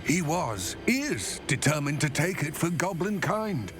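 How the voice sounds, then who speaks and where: Grave goblin ally, formal and measured, over game music. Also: male voice, on the high side, sing-song. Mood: bitter. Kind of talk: video game dialogue. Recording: game audio with loud music.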